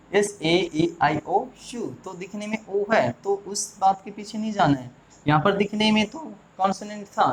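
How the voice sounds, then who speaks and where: A man's voice: high voice, a little hiss or hum, low-quality recording. Indian male teacher quizzing his class. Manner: coaxing, quizzes viewers with repeated questions. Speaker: English teacher. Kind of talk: classroom lesson explaining grammar.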